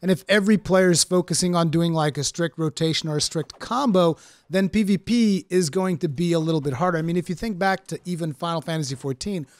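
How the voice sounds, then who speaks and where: A gaming streamer from Portugal speaks briskly in a voice on the high side, with no room sound. His English has an American-sounding accent as he casually walks through his first impressions of a game, chatting with lots of fillers.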